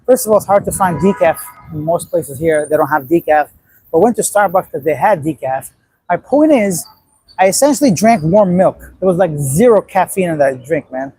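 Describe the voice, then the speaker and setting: This man in his late thirties from Afghanistan hosts a casual livestream, rambling bluntly as he reads and reacts to viewer comments. His voice is fairly high, expressive, mellow and husky at a moderate pace. The poor, dry recording has faint music behind him.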